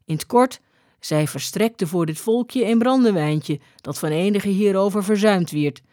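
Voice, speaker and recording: A woman reading an old-fashioned story aloud in a measured, deliberate way. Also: mid-range voice, dark tone, no room sound, clean studio sound. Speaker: reader.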